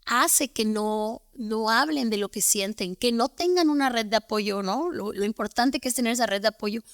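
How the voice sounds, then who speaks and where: Young woman teacher, higher voice, smooth and clear, earnest, keeps asking "no?". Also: normal speed, a bit bright, dry recording, clean studio sound. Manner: earnest, repeats words, tags with "¿no?". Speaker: guest, teacher. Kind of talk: conversational storytelling.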